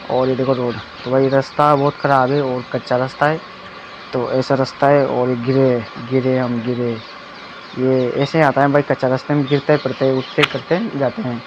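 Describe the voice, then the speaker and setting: A young man, giving a loose, repetitive running commentary outdoors on a muddy dirt road. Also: mid-range voice. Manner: loose, repetitive running commentary, often says "ye dekho" and "bhai". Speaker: vlogger. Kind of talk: casual vlog commentary. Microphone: phone camera. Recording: dull lo-fi phone audio with loud outdoor noise.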